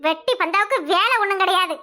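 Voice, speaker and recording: Squeaky quarrelsome village housewife. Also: female voice, pushed and bright. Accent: Kanyakumari Tamil. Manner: scolding, rapid bickering. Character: sharp-tongued village housewife, quarrelsome and loud. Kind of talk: cartoon voice acting.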